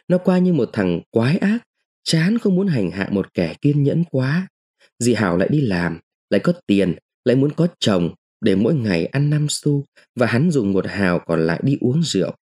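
A man reading a literary short story aloud in the first person, with an expressive, dramatic delivery. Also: lowish voice, breathy edge. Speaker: narrator.

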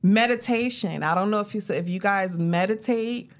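A woman's voice: medium pitch, moderate pace. A middle-aged woman co-hosting a podcast, chatting casually and animatedly, laughing often. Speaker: podcast co-host. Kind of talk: casual chat.

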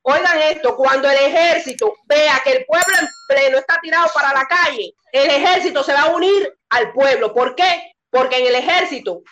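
Cuban woman calling in, high voice, keeps repeating her points hard, muffled lo-fi line. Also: normal speed, sharp tone. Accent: Cuban Spanish. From Cuba. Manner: emphatic, repeats key phrases. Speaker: caller, former dissident. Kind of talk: impassioned call-in testimony.

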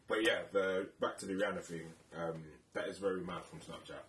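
A deep-voiced London man in his late twenties rambles casually through a podcast chat, slangy and loosely sweary. He sounds roomy and set back from the mic, with faint noise. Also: steady tone, a little fast, fairly bright tone, distant mic. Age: late 20s. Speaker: podcast co-host.

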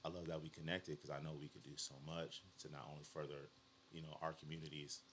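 A young man chatting casually as a guest, an animated storyteller who acts out quotes in slangy speech. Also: a bass voice, quick pace, slight background noise. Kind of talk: casual conversation.

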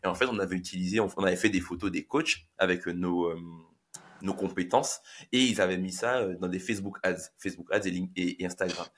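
A man hosting a podcast, talking in a relaxed, hesitant way with lots of fillers. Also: deep voice, fairly quick. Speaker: podcast host. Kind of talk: casual podcast conversation.

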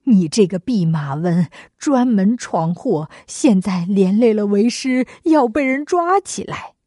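A woman's voice: mid-range voice, animated, measured pace, warm tone, dry recording, clean studio sound. A woman doing a fretful scolding old monk. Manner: scolding, complaining.

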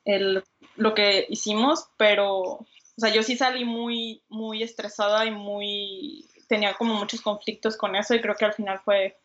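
A young Mexican woman who works as a designer is a guest answering interview questions casually, with many fillers and restarts. Her medium-pitched voice is steady, unhurried and fairly bright, though the audio is dull.

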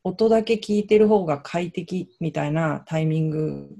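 A woman in a casual podcast chat, speaking thoughtfully and softly, with frequent backchannels. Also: sits low, moderate pace, vocal fry. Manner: thoughtful, soft-spoken, many backchannels.

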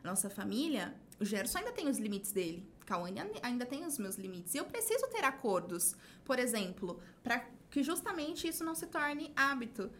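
A Brazilian Portuguese-accented woman with a notably high voice, speaking as a podcast guest. She talks in an easy, chatty way and slips into short acted-out exchanges to make her point. A faint hum of room ambience sits behind her. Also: normal speed, hardly any pauses. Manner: expressive, acts out little dialogues while explaining. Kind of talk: casual podcast conversation. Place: podcast studio.

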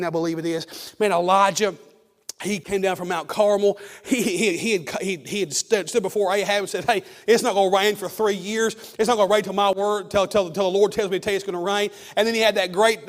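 A pastor preaches with a fairly high, hoarse voice, circling back over his words and restarting sentences as he presses his point. His voice carries a long reverb from the church sanctuary. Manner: fervent preaching with frequent restarts and repeated words. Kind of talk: sermon.

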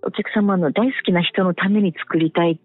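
A woman, a soft-spoken interview guest who talks hesitantly with many fillers. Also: on the low side, fairly even intonation, fairly quick, dry recording, soft background music. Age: 50s. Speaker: guest, clothing brand manager. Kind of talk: casual interview chat. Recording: tinny phone-like line, dry.

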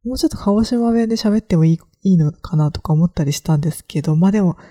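Reflective Japanese woman podcaster, low mellow voice. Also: fast. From Kagoshima, Japan. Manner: reflective, hesitant, many fillers. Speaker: podcast host. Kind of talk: solo casual podcast talk.

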